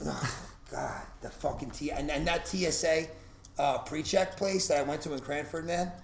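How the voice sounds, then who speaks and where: A man's voice: on the high side, normal speed, creaky. A man in casual chat, blunt and slangy, swearing a lot. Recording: roomy room with faint noise.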